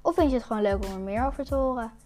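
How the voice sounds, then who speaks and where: A girl in her early teens hosts a podcast. Her voice is on the high side and her delivery is casual. Faint music is present at times. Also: very fast, warm tone. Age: child or young teen. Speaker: podcast host.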